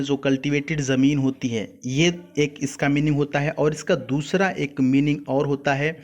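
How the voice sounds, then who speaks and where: A young man teaching a vocabulary lesson for exam students, explaining word meanings patiently and repeating key points. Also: a little high.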